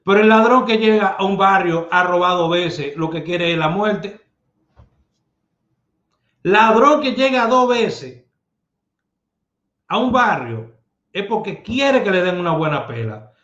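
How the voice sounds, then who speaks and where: A man's voice: sits high, expressive, moderate pace, fairly bright tone. A man giving streetwise advice in a casual monologue, emphatic and full of rhetorical questions. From Dominican Republic. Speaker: lottery numerologist host. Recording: echoey room, dull lo-fi sound.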